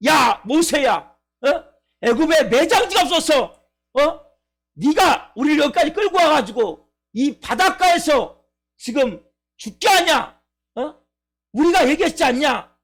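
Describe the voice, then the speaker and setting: A preacher doing furious Israelites railing at their leader. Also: male voice, very high voice, animated, measured pace, voice pushed up, exaggerated voice. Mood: angry, scolding. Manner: shouting accusations, nagging rough speech. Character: angry complaining crowd of ancient Israelites.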